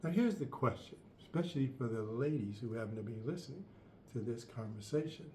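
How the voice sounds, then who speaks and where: A man hosting a talk show, telling listeners a long illustrative story with emphatic jumps in pitch. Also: lively intonation, a little fast, a little mellow, roomy sound, a little hiss or hum. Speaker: podcast host.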